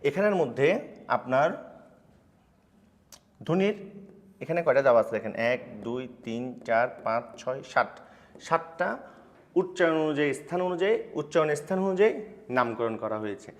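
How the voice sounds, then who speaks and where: Male tutor, young adult, brisk explainer who keeps asking if you follow; lingering reverb on the voice. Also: mid-range voice, animated. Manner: quick, instructive, checks in often with listeners. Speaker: teacher. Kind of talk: grammar lesson for school students. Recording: long reverb.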